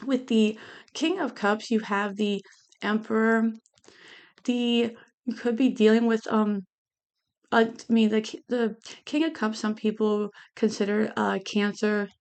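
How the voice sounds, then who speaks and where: A tarot reader gives a casual reading in a fairly high, steady, somewhat dark voice at a measured pace. Lingual braces give her a lisp, and she talks hesitantly and meanders, saying "you know" over and over.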